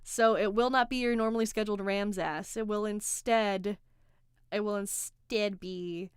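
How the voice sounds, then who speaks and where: A woman hosting a livestream in casual chat, sarcastic and animated, reading out chat comments. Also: medium pitch, measured pace, smooth, dry recording, clean studio sound. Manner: animated, sarcastic, reads chat aloud, swears and laughs. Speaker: livestream host.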